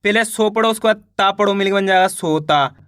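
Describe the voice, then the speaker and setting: A man teaching children to read Hindi, sounding out syllables slowly and repeating each word as a question and answer. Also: high-pitched, fairly bright tone, clear, resonant tone, no echo, clean studio sound. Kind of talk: step-by-step reading lesson.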